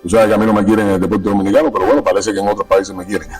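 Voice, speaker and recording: A man's voice: fairly low pitch, level tone, very fast, darkish tone, distant mic, soft background music, poor audio. A Cuban-born man speaking as a sports official guest in a conversational interview, emphatic and repeating his key points. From Cuba.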